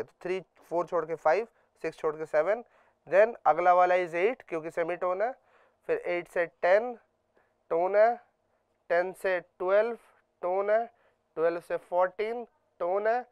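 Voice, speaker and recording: A man's voice: high-pitched, smooth. A man teaching a guitar class. He patiently goes over each point again and again and keeps checking in with his students. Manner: patient, drills points by repeating them. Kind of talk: music lesson. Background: faint guitar playing.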